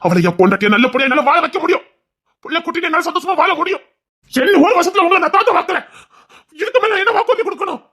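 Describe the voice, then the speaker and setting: Guy acting as a stubborn young man, tirunelveli accent, fast insistent talk. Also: very high voice, sing-song, sharp tone, heavily acted. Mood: pleading. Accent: Tirunelveli Tamil. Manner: defiant, insistent, pleading. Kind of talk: dramatic serial acting.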